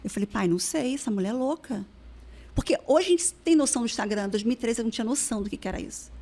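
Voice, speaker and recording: A quick, lively woman, her voice sitting a little high. She tells stories as a podcast guest and slips into the voices of the people she quotes. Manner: animated, acts out dialogue from her past. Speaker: guest, weight-loss therapist. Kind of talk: casual storytelling in a podcast interview.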